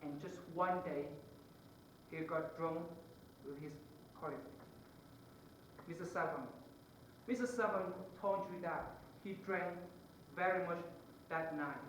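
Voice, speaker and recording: A young man from Vietnam, giving an earnest, halting closing argument to a jury in a mock trial. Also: on the high side, slight background noise. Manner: earnest, halting, with many pauses between phrases. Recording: echoey room, voice far from the mic.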